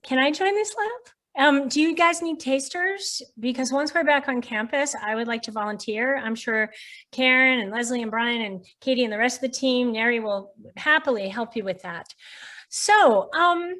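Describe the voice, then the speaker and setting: Woman, host, slightly high pitch, articulate, playful, Q&A. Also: moderate pace, bright, forceful tone. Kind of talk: hosting a live Q&A.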